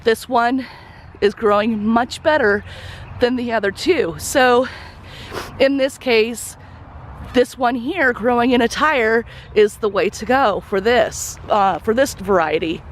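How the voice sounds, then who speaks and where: A woman's voice: fairly high pitch, slow, slight background noise. A woman giving a casual walkthrough of her community garden outdoors, chatty and a little out of breath, with lots of fillers and restarts.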